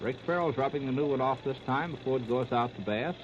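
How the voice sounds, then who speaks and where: At a medium pitch and a fast clip, an American man calls baseball play-by-play from the ballpark in short, terse phrases, echoing 1930s live radio commentary. It comes through as a noisy, muffled 1930s radio disc recording.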